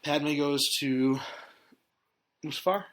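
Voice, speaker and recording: A man's voice: on the high side, slow pace. A man hosting a casual podcast chat, recapping a story in a rambling way with hesitations. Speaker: podcast host.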